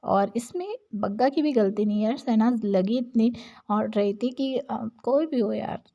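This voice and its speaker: A woman's voice: fairly high pitch, moderate pace, mellow, lo-fi sound. A young woman talking casually about reality show clips, chatty and gossipy, with many fillers. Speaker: entertainment vlogger.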